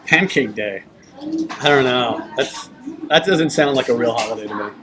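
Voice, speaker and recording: A man's voice: medium pitch, lively intonation, brisk, a crowd in the background. A man from Long Island with an American accent, chatting casually in a joking, irreverent way. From Long Island, United States. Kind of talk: casual bantering chat. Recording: noisy live webcam stream.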